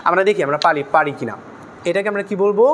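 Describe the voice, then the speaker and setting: A man's voice: high voice, rapid-fire, a bit bright, a little hiss or hum. A young man teaching a beginner class in a classroom, quizzing the students with repeated questions. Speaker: English teacher.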